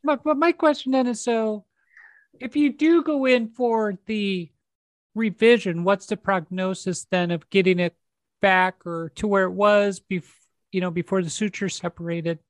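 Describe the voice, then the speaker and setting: Relaxed interviewer asking curious questions. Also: medium pitch, a little slow. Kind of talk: casual conversational interview.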